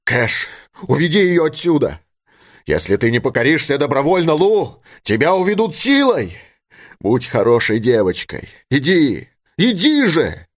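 A man's voice: high voice, huge pitch swings, moderate pace, few pauses, husky, voice pushed up, exaggerated voice. A man voicing a stern father in an audiobook, scolding and giving orders. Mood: commanding. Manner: commanding, scolding.

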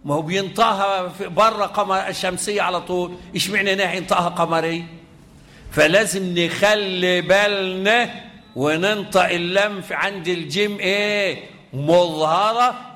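Egyptian male Quran teacher with a high voice, middle-aged, brisk classroom quizzing mixed with slow chanted verses. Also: bright, forceful tone. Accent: Egyptian Arabic. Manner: quizzing students, chanting Quran examples slowly. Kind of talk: lively tajweed lesson with students.

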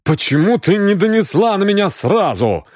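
A man's voice: mid-range voice, sing-song, slow pace, no room sound. Desperate cardsharp, trembling pleas, male reader, dry close sound. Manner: pleading, shaky.

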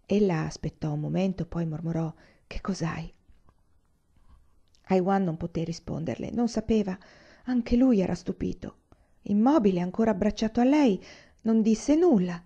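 A woman reading a literary novel aloud in a measured, even storytelling voice. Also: mid-range voice, vocal fry, slightly rough. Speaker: audiobook reader. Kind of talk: literary narration read aloud. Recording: slightly dull lo-fi recording.

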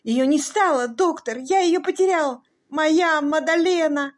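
A woman's voice: on the high side, fairly quick, lightly acted. A woman voicing a frantic, grief-stricken husband who cries out his pleas in an audiobook reading. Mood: hysterical. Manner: shrieking, sobbing pleas. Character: frantic grieving tall husband, hysterical.

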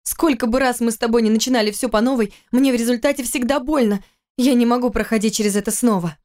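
A young wife, hurt but firm, her voice lifted higher by a woman reading her. She pleads and protests with feeling in an audiobook style. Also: fast, a little mellow, lightly acted.

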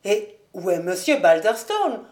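A woman's voice: mid-range voice, very animated, unhurried, a little mellow. A woman reading a storybook aloud and voicing a bold, fierce old mother-in-law with a defiant, cool-headed manner.

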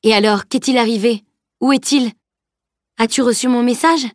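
A woman's voice: mid-range voice, fairly quick, dry recording, clean studio sound, close to an everyday voice. A woman reading an anxious old male scholar who fires questions insistently. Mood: worried.

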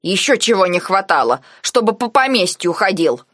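A woman's voice: medium pitch, sing-song, normal speed, a bit bright, dry recording, studio quality. Woman voicing a bold, folksy maid. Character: bold buxom maid, proud, folksy rustic speech.

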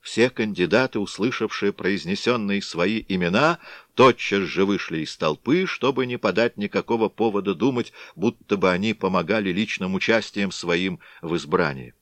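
A man narrating a classic story in a scripted, expressive storytelling manner. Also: lowish voice, normal speed, no echo. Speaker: audiobook narrator.

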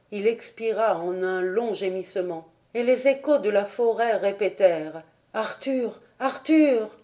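A woman reads an old legend aloud with measured, expressive narration. Her pace is very slow and unhurried. The voice is warm and mellow, with a middling pitch. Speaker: audiobook reader.

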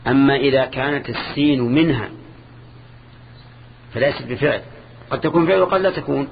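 An older man gives a grammar lesson in a measured, repetitive way, stopping to quiz his students. His voice is pitched in the middle range. It comes through a dull, lo-fi old tape with a faint hiss underneath. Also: creaky. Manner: measured, repeats key terms, quizzes students. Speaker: sheikh teaching Arabic grammar. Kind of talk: classroom lesson.

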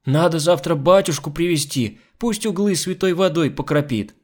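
A man's voice: fairly high pitch, normal speed, voice pushed up, close to an everyday voice. A man reading an audiobook, voicing an old, pious, superstitious housemaid who whines. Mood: whining. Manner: whining, superstitious. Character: old frightened woman servant, pious and whining.

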